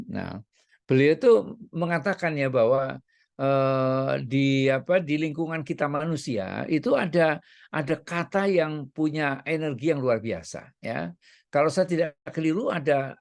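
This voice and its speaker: A man's voice: medium pitch, gravelly. A middle-aged man as a parenting coach, talking in a chatty way with many fillers and tag questions. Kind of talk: casual talk.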